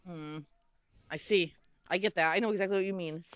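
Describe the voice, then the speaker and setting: A woman's voice: lowish voice, fairly quick, dry recording. A woman co-hosting a podcast, chatting casually and asking wry questions while watching wrestling. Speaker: podcast co-host. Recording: dull lo-fi podcast audio.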